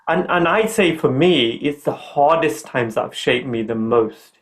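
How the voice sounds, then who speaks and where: A man's voice: mid-range voice, lively intonation, a little slow. A middle-aged man hosting a podcast, talking in an earnest, upbeat, motivational way. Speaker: podcast host.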